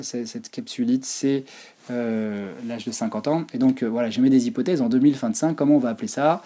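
A man's voice: medium pitch, mellow. A man giving an informal, explanatory online lecture on physiotherapy.

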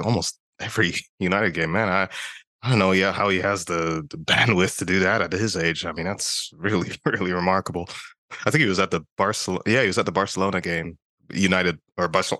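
A man's voice: low-pitched, pushed and bright, dry recording. A man co-hosting a casual podcast, easygoing and chuckling through his asides. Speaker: podcast co-host.

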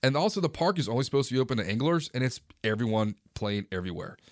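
A man in his forties, a fishing vlogger, casually recounting a day on the river in a relaxed, conversational way. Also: mid-range voice, fast, dry recording, clean studio sound. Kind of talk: casual first-person storytelling.

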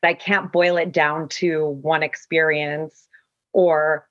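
A woman from Afghanistan who also grew up abroad, talking reflectively in an interview in a measured way, searching for her words. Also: deep voice, flat delivery, fairly bright tone, no room sound, lo-fi sound. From Afghanistan, also raised in Russia and the US. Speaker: guest artist.

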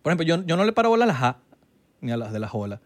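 A man's voice: on the high side, big pitch swings, racing. A young man with a Venezuelan Spanish accent, co-hosting a casual podcast chat and acting out quoted dialogue in a slangy, laid-back way. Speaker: podcast co-host.

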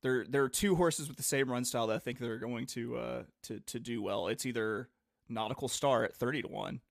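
A man's voice: medium pitch, brisk, gravelly, dry recording. A man hosting a casual podcast talks through his picks. He thinks aloud, often restarting his sentences, and sounds easygoing rather than polished. His mid-range voice is recorded close with a dry, dead sound. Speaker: podcast host and horse racing handicapper.

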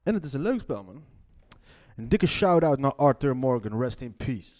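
A man's voice: medium pitch, sing-song, moderate pace, darkish tone. A man with a slightly Moroccan-tinged Leiden accent, hosting a show and reading the newspaper aloud in loose, rambling chat full of swearing and tangents. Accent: Leiden Dutch, slightly Moroccan-tinged.

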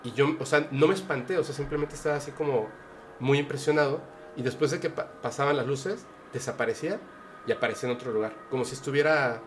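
A man's voice: medium pitch, quick pace, slight background noise. A man with a Mexican Spanish accent telling a personal story on a podcast, earnest and hesitant with many fillers and restarts. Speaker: podcast guest. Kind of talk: casual storytelling.

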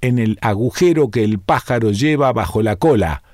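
A man's voice: mid-range voice, lively intonation, moderate pace, a little mellow, no echo, clean studio sound, close to an everyday voice. A man voicing a bored, mischievous little boy prince in a storybook reading. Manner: whiny, mischievous.

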